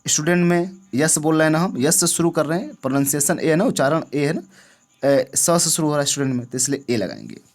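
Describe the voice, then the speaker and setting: A man's voice: a little high, animated, fast talker. A man teaching an English grammar lesson, often asking the viewer questions and checking that they understand. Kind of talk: classroom-style lesson.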